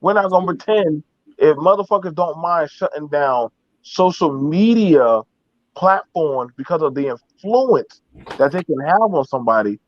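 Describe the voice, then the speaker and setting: A man's voice: fairly high pitch, animated, unhurried, no echo, dull audio. A man in a casual, heated online discussion, speaking emphatically and repetitively with heavy swearing.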